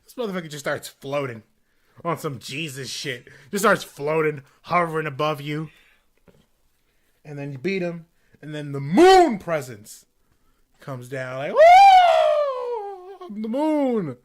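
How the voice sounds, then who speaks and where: A man's voice: a little high, measured pace, pauses often, a bit bright. Young male podcast co-host, casual, rambling, filler-heavy. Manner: rambling, filler-heavy, acts out game characters in silly voices. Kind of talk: casual chat.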